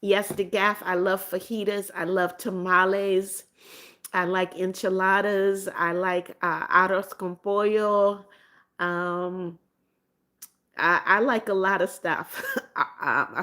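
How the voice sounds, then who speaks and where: A woman in her seventies hosts a casual livestream, reading viewer comments aloud and answering them with lots of ums and restarts. Her mid-range voice is steady, slow, pushed and bright, and she often repeats phrases and calls herself [name].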